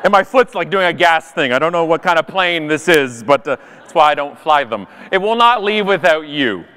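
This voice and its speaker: A Canadian man tells a funny story at a live event with a high voice that leaps all over the place. His tone is bright and sharp, and he slips into exaggerated, sarcastic mock voices. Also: lively intonation, normal speed, slight background noise. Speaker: conference speaker. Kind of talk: comedic storytelling talk.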